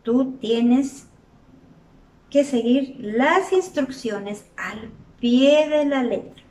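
A woman voicing God giving slow, deliberate instructions in a children's story. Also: high-pitched, a little mellow, slight background noise. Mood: commanding. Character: God giving commands, steady and firm. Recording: roomy echo, from off the mic.

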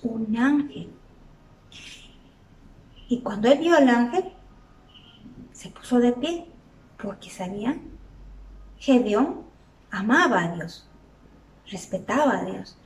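Animated woman telling a Bible story. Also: a little high, slow, long pauses, far from the mic. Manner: animated, asks listeners questions. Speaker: storyteller for children. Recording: roomy echo, from off the mic.

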